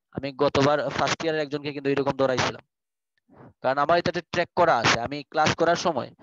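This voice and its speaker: A man's voice: fairly high pitch, fairly bright tone, lo-fi sound. A man with a Bangladeshi Bengali accent teaching an online class, explaining in a chatty way and dropping in English phrases. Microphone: video call.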